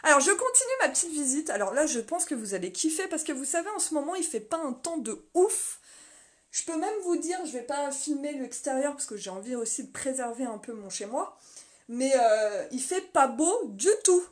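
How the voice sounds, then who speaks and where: A woman's voice: high voice, animated, brisk. Chatty woman on a live video. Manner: chatty and rambling, many fillers and restarts; laughs often, reads viewer comments aloud. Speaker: vlogger hosting a live video. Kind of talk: casual live chat, touring her office. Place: small home office, indoors. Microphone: phone mounted on a stand.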